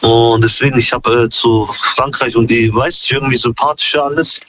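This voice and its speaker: Bright-voiced man in his thirties, slangy. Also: mid-range voice, a little fast, highs cut off. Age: 30s. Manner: relaxed slangy speech with many fillers. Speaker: interviewee. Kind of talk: casual street interview.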